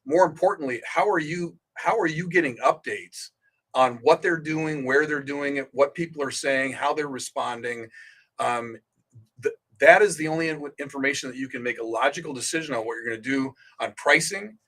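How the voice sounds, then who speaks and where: A male radio co-host with an average, mid-pitched voice. He talks casually but with emphasis, often stumbling over repeated words before he lands a point. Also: normal speed, fairly bright tone. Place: radio studio.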